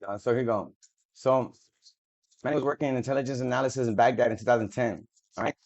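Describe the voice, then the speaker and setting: A man's voice: medium pitch, darkish tone. A man reads long official text aloud in a middle-range voice, tripping over words and restarting them. He breaks off into loose, profane asides before picking the text back up. The audio sounds dull and lo-fi. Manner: halting reading, stumbles and restarts over words, swears in offhand asides. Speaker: video creator. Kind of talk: reading documents aloud with casual asides.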